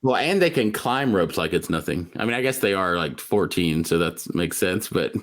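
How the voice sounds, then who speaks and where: Low-voiced man rambling in casual chat. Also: big pitch swings, moderate pace. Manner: rambling, full of filler 'like'. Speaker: podcast co-host.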